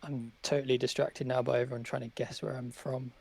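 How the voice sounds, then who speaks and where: A man's voice: mid-range voice, little pitch movement, a little fast, creaky, a little mellow, slightly rough, no echo. A man with a British accent, chatting casually on a board game stream with dry, jokey asides. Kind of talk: casual strategy chat on a live stream.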